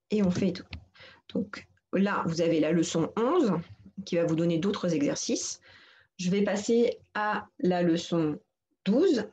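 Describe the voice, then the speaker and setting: Patiently explaining each step and repeating her instructions, a woman teaches seniors how to use a computer. It is a screen-recorded tutorial with her narration. Her voice is low-leaning and warm.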